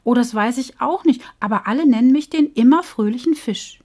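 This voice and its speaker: Woman reading as a cheerful little fish in a storybook, higher and lighter than the narrator, quick and carefree. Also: breathy edge. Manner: bright, chirpy and carefree.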